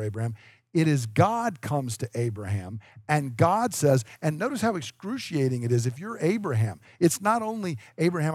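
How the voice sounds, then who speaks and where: A male pastor delivers a sermon in an earnest voice, slightly higher than most men. He slows down for emphasis and acts out the lines he quotes. The recording is dry and close. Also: no echo.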